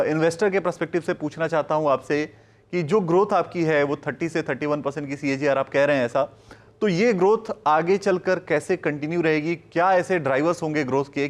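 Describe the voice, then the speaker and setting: A man interviewing a company executive, asking long, polite questions that wind on before they end. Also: fairly high pitch. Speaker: business news interviewer.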